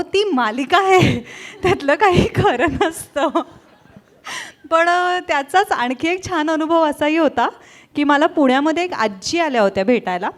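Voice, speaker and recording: A woman with a somewhat high voice sits as a guest in a stage conversation. She recalls moments from her acting work in a relaxed, fond tone. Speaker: actress guest. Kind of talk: casual stage anecdote.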